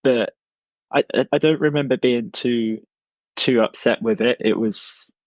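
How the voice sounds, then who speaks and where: A man recalling events in an interview, halting and hesitant with many restarts. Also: medium pitch, no room sound, muffled recording. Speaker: interviewee, former fan columnist. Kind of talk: recorded interview recollection.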